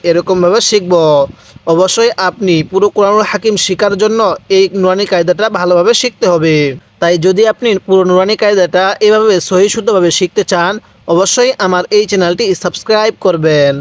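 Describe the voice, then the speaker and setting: A man teaching Quran reading, slowly and deliberately drawing out syllables for learners to repeat after him. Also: high voice, no room sound. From Bangladesh. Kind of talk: recitation lesson, repeat-after-me drill.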